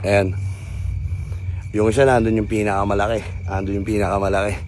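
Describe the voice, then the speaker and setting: A man's voice: lowish voice, flat delivery, brisk, a little mellow, slight background noise. A man vlogging casually outdoors, teasing animals in a playful way and sometimes running out of breath. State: out of breath at times. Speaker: motovlogger. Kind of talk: casual vlog narration to camera.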